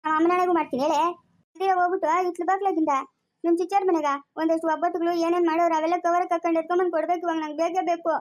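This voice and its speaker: A woman's voice: extremely high pitch, flat delivery, racing, a little mellow. A woman playing a sulky, demanding village wife in a comedy skit, scolding and whining in a rural Chikkaballapur Kannada accent. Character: village wife craving festival sweets, sulky.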